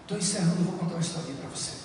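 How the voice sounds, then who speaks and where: A man with a Brazilian accent preaches in a church hall, his delivery swelling into impassioned shouts. His voice sits high for a man. He is picked up from a distance, with long reverb and clear background hiss. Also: racing. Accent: Brazilian Portuguese. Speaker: pastor. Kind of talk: sermon. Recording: echoey church hall from afar.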